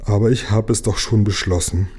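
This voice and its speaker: A man's voice: fairly low pitch, fairly even intonation, fairly quick, dark tone, husky. A man voicing a fussy, self-important old king who sighs over his own decrees, read aloud from a children's book. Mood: fretful. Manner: sighing, self-important official tone.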